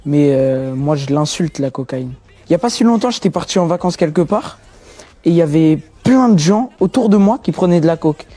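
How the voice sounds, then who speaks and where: Slangy teen, dark mellow voice. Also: male voice, a little high, animated, brisk. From France. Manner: street slang, frequent "tu vois" asides; repeats words for emphasis. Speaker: young rapper interviewed. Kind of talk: casual interview talk.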